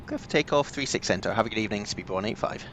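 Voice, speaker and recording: A man's voice: on the low side, animated, rapid-fire, a bit bright, a little hiss or hum. A man streaming a flight simulator, giving clipped pilot radio calls into a cockpit headset mic.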